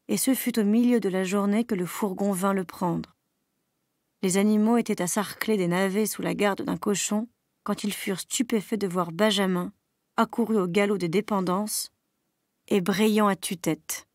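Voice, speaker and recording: A woman teacher reading a novel aloud in a steady, even storytelling manner. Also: medium pitch, no echo, clean studio sound.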